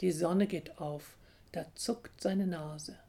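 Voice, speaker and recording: A woman gently reading a children's story in a calm, measured way. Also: lowish voice, vocal fry.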